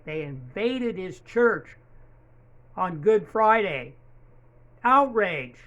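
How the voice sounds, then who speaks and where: A man calling in to a talk show and speaking in an indignant, deliberate way. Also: sits high, fairly bright tone.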